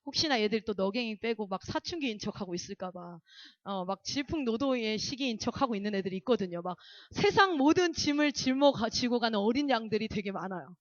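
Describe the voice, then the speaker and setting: A woman missionary preaching at an evening revival meeting in a blunt, colloquial storytelling way that swings from hushed asides to fervent exhortation. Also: on the high side, lively intonation, fairly quick, no echo, lo-fi sound.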